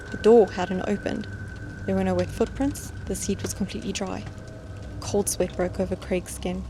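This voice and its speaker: Female horror narrator, scripted storytelling, suspenseful, measured, mid-pitched, little pitch movement. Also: noisy background. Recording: music bed behind the voice.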